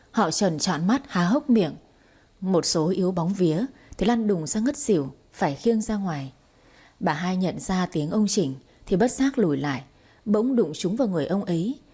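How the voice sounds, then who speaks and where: A woman narrating a story in a steady, even reading voice. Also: on the low side, breathy edge.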